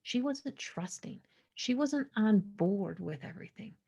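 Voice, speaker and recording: A woman in her forties hosting a podcast, sharing a slow, introspective spiritual monologue that sometimes drops to a hushed whisper. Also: medium pitch, lively intonation, creaky, slightly rough, highs cut off. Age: 40s. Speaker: podcast host.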